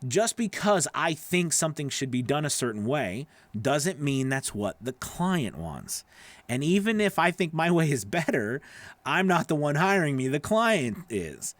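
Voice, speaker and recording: A voice-over coach in his forties hosts a casual livestream, answering viewer questions with emphatic encouragement and repeating phrases for stress. His voice is fairly high and unhurried, with big pitch swings. He's close on a boom-arm studio mic in a small indoor home studio, with no echo.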